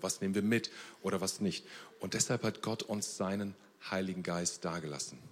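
A man preaching a sermon at a church service, earnest, moving between soft and emphatic delivery. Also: low voice, breathy edge. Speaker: pastor. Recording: long reverb of a church hall.

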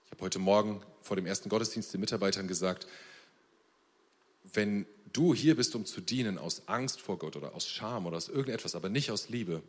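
A man preaching a sermon at a church service, earnest, moving between soft and emphatic delivery. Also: on the low side, fairly quick, husky. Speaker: pastor. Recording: long reverb of a church hall.

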